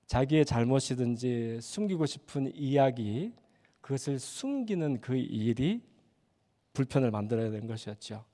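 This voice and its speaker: A man's voice: mid-range voice, big pitch swings, normal speed, mellow. A male pastor telling a story in a sermon in a church sanctuary, acting out the voices as he goes. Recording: church hall reverb.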